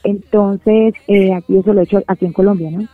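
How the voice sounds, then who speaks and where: This Venezuelan band singer, appearing as a guest on a casual radio interview, speaks a little fast in a medium pitch with fairly even intonation. She's hesitant, full of fillers and restarts, and the tinny line sounds phone-like, with no room sound.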